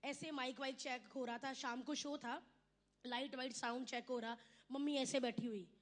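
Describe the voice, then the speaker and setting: A woman's voice: high-pitched, steady tone, normal speed. A woman from India performing live stand-up comedy, chatty and teasing the audience, acting out her mother and others in her stories.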